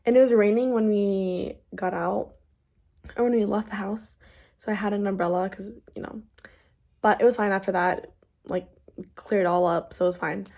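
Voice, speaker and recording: A woman's voice: mid-range voice, fairly even intonation, moderate pace, darkish tone. A young woman chatting casually in a vlog, rambling, with lots of fillers and restarts. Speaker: vlogger.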